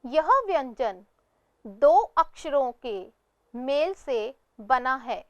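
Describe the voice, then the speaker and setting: A woman teaching a lesson in scripted narration, sounding out each syllable slowly and asking the pupils questions that she answers herself. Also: high-pitched, expressive, no echo, dull audio. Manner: slow, deliberate syllable-by-syllable pronunciation.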